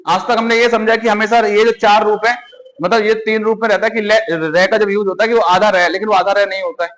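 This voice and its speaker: A man's voice: sits high, level tone, fast, a bit bright, long reverb tail. A man teaching Hindi grammar for exam preparation, repeating sounds aloud and asking students questions. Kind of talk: exam-prep classroom lesson.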